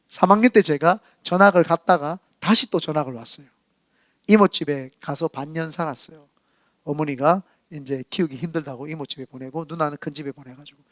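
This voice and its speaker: A man, preaching a storytelling sermon at a high pitch for a man. He is animated and acts out the voices in his stories. The sound is dry and close. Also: no room sound. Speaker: senior pastor. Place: church sanctuary.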